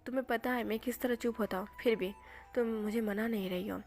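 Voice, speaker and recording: A woman's voice: a little high, fairly even intonation, fairly quick, gravelly, a little mellow. A woman voicing a heartbroken young man who whines and complains through tears to his best friend. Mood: whiny, tearful. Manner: whiny, sobbing complaints.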